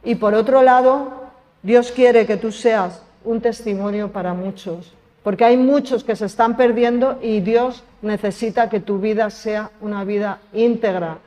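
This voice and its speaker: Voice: medium pitch, steady tone, a little slow, darkish tone. Preacher from Spain in a reverberant church. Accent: Spain Spanish. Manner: conversational, asks the congregation questions. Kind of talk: sermon.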